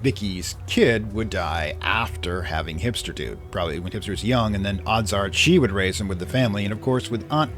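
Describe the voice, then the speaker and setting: A man's voice: lowish voice, a little fast, hardly any pauses, fairly bright tone, faint music behind. A man doing casual game commentary, rambling and thinking aloud as he plays. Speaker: let's play commentator.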